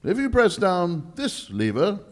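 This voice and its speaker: Man doing a proud english lord in an old radio play, slow and formal, voice goes way up and down. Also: high-pitched, wildly swooping pitch, exaggerated voice. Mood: formal explaining. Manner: emphatic, deliberate, formal, slightly halting. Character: exasperated, proud English lord guarding a bank vault. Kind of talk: 1940s radio drama acting, performed live.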